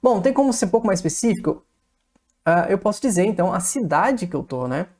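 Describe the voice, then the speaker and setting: A woman's voice: mid-range voice, animated, a little fast, a little mellow. A woman with a Brazilian accent, explaining English grammar step by step in a video lesson, with frequent tag questions. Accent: Brazilian Portuguese. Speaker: English teacher.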